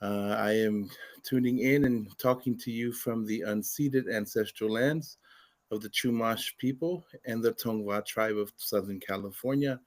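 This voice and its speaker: A man's voice: lowish voice, a little slow, darkish tone. A man from Samoa introduces himself as a panelist on a video call with formal, ceremonious greetings.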